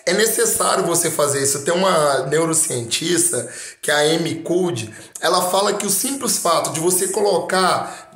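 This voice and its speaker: An emphatic motivational speaker, a man with a Brazilian Portuguese accent, who talks directly to the listener and keeps restating his point. His voice sits a touch high for a man. The recording has a roomy, echoing sound. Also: a bit bright. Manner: emphatic, addresses the listener directly with repeated phrases. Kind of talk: motivational talk to camera. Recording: roomy echo.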